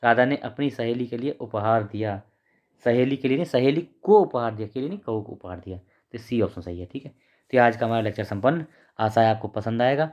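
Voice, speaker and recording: A man teaching an exam-prep lesson, reading each option aloud, correcting the spelling and trailing off quietly as he closes each answer. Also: mid-range voice, a little fast, highs cut off.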